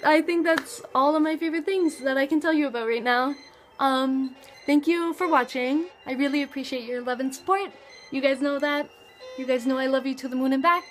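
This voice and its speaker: A high-voiced teenage girl talks through her favorite things in a bubbly, slang-filled vlog. She chats casually and eagerly, as if speaking to friends. Soft music plays faintly behind her. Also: fairly quick. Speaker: vlogger.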